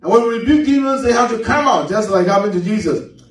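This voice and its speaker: A man's voice: high-pitched, animated, quick pace. A male pastor preaching a sermon, quizzing the congregation with call-and-response questions and repeating key words for emphasis. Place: church. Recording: very echoey church hall, mic at a distance.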